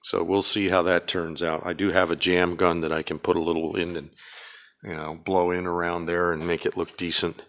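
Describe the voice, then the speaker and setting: A DIY car restoration vlogger with a Pennsylvania accent narrates his garage work in a very deep, low register, carrying a handheld camera around the car. His delivery is flat and even, loose and rambling at a moderate pace, with plenty of ums and uhs in this casual walk-around.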